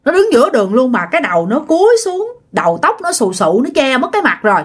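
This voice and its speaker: A woman voicing a drunk, frightened old village man who shouts and curses. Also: sits high, sing-song, quick pace, slightly rough, heavily acted. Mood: shaken. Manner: panicked shouting and drunken cursing.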